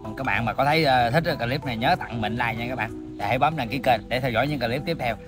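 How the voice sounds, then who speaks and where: A man's voice: mid-range voice, fast talker. A man in his thirties with a southern Vietnamese accent chats casually to viewers while eating, his mouth burning from spicy food. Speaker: mukbang host. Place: outdoors in greenery, sitting on the ground. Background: music.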